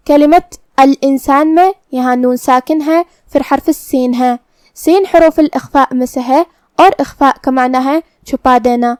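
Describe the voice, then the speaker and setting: A woman teaching Quran recitation, calmly explaining each letter step by step and reciting verses slowly. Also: high voice, dry recording, clean studio sound. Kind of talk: tajweed lesson with slow recitation.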